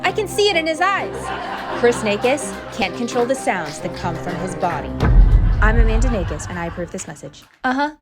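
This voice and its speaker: Woman, mock attack-ad read, dry and exasperated, fairly high voice, loud music and crowd underneath. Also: lively intonation, brisk. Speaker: wife in a mock political ad.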